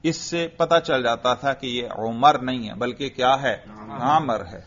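A man teaching an Arabic grammar lesson in Urdu, quizzing his students and slowly reciting example sentences. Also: mid-range voice, fairly bright tone. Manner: drills students with questions, slow emphatic recitation of examples. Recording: dull lo-fi recording.

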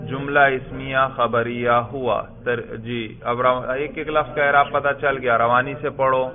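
A man's voice: medium pitch, steady tone. Male grammar teacher who quizzes and repeats answers, thin phone-like sound. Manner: questioning, repeats student answers, praises. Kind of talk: classroom grammar lesson. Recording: tinny phone-like lo-fi audio.

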